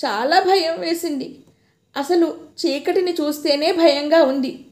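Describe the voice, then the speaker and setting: A woman's voice: sits high, measured pace, a little mellow, pitched above the performer's own voice. A woman voicing a frightened young wife who has just woken from a nightmare, talking in an anxious, breathless way. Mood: shaken. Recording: roomy echo.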